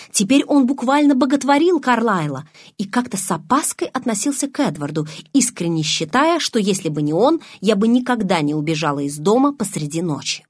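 A woman narrating a first-person audiobook in an expressive, emotional reading. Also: mid-range voice, dry recording, studio quality.

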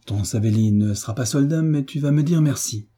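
A man voicing a smug, mocking landowner who talks down to a peasant girl, in a husky voice. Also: mid-range voice, brisk, warm tone, voice pushed up, lightly acted. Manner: smiling, teasing, condescending.

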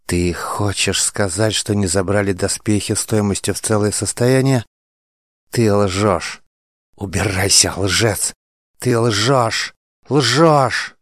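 A proud, grieving princess from an audiobook tale, voiced by a man in a low, deep register. She rules and accuses with a commanding edge. The voice sounds dry and close. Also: fairly even intonation, moderate pace, hardly any pauses, no echo, lightly acted. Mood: furious. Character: grieving, frantic royal princess, imperious.

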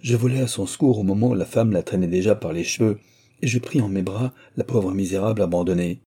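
Brief: low husky male audiobook narrator, measured and earnest. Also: warm tone. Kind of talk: audiobook reading.

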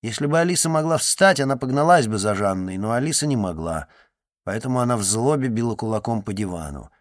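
A man reading a first-person story aloud in a measured, expressive way. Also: medium pitch, no echo, clean studio sound. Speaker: narrator. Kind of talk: audiobook narration.

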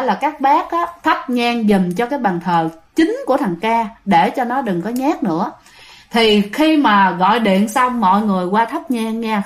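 A woman casually narrating a ghost story, chatting directly to her listeners with lots of fillers. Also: on the high side.

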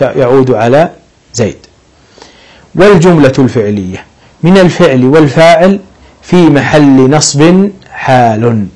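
A man's voice: medium pitch, darkish tone, poor audio. A man teaching an Arabic grammar lesson, explaining patiently step by step and lifting his voice on each example sentence.

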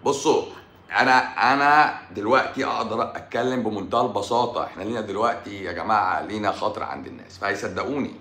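A man with an Egyptian Arabic accent rants through a live stream as a doctor answering his viewers. His voice is bright and cutting, jumping from loud scornful outbursts to low muttering. The sound carries a roomy echo. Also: fast talker. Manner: mocking and combative, swinging between loud outbursts and low muttering. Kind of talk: heated live-stream rant answering comments.

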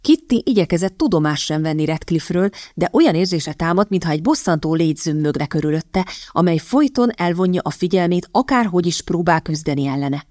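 Low-voiced woman narrating an audiobook. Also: animated, few pauses, a little mellow, dry recording, clean studio sound. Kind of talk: scripted narration.

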